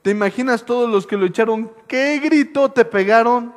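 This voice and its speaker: Animated high-voiced preacher. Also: male voice, normal speed. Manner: animated, swings from soft to shouting. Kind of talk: sermon. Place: church hall. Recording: echoey church hall with long reverb.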